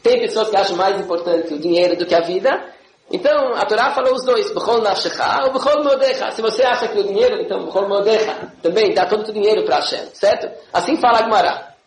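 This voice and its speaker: A man giving a classroom religious lesson, animated and often checking in with his listeners. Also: high-pitched, quick pace, reverberant, rough recording. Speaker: religious teacher.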